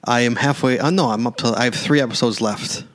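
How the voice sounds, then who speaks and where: A man in his late forties chatting casually as a podcast host, animated and talkative with frequent laughs. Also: mid-range voice, brisk. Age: 40s. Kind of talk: casual chat.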